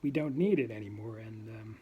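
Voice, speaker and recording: A man from the Netherlands, with a Dutch accent, makes his first vlog by talking to camera unscripted, hesitant and filling gaps with ums and uhs as he seeks words. His voice is on the low side, brisk and slightly rough. The audio is narrow and tinny.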